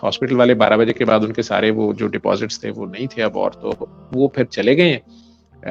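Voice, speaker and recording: Gravelly-voiced male doctor telling a story. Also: medium pitch, dull audio. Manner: retells events with quoted dialogue, mixes in English medical terms. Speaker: doctor, interview guest. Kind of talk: storytelling in an interview.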